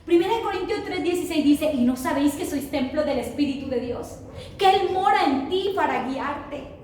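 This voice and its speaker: A woman's voice: high-pitched, lively intonation, moderate pace, a little mellow. A woman preaching a sermon with call-and-response, emphatically asking the congregation to repeat her words. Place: church hall. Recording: very echoey hall, voice from far off. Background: congregation answering.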